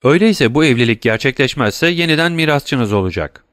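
A man's voice: mid-range voice, expressive, fairly quick, a bit bright, smooth, no echo, clean studio sound, voice pushed up, natural voice. A man voicing a formal, bewildered notary in an audiobook, asking careful questions. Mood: questioning. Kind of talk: audiobook reading.

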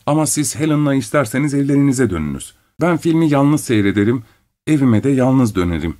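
A man's voice: mid-range voice, lively intonation, brisk, warm tone, pitched above the performer's own voice, natural voice. A man reading the lines of a stubborn, proud young woman in a storybook, in a firm and dismissive manner.

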